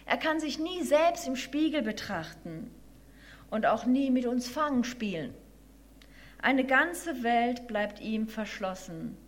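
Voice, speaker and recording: A woman voicing a small, quick female mouse in a children's story, with a squeaky, eager way of talking. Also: very animated. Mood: pitying. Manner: squeaky and bright, enthusiastic.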